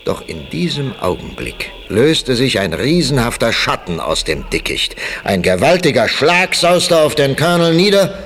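A man's voice: medium pitch, sing-song, fairly bright tone, slight background noise. Man narrating an adventure radio play. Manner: measured, storytelling.

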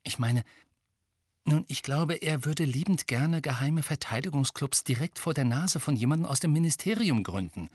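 A man's voice: a little high, expressive, normal speed, darkish tone, husky, no room sound, clean studio sound, voice pushed up. A man doing a hesitant, worried teen girl. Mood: worried careful. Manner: hesitant, choosing words carefully.

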